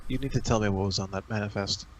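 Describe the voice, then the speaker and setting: Male tabletop player, lowish pitch, improvised in-character dialogue. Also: steady tone, quick pace.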